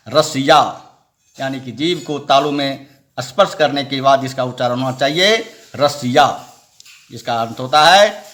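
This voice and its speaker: A man teaching English pronunciation rules, spelling out letters slowly and asking and answering his own questions. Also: medium pitch, fairly bright tone. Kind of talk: classroom-style lesson explaining rules.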